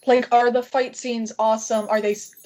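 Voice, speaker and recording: A woman's voice: a little high, flat delivery, moderate pace, a little mellow. A woman in a casual panel chat on a video call, thinking aloud about a show. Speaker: podcast panelist. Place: indoors at home on a video call.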